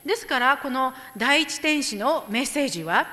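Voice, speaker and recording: Bright, high woman interpreting in a hall. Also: moderate pace. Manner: lively, expressive, restates each phrase for the congregation. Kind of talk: live sermon interpretation. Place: church hall. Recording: echoey hall.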